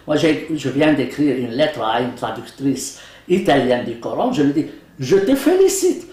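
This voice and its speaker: Being interviewed in a relaxed conversation, this elderly Quran translator, a native Arabic speaker, jokes around, laughs frequently, and hesitates often with lively energy. He speaks at a moderate pace in a mid-range voice, captured in a roomy space by a distant mic.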